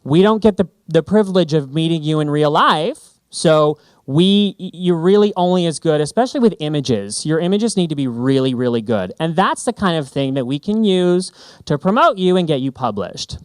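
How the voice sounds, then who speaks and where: Upbeat male speaker, slightly high voice, dry close sound, emphatic and playful. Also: normal speed, clean tone, dry recording. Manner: animated, joking, emphatic. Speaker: branding speaker. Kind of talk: stage presentation. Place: conference stage.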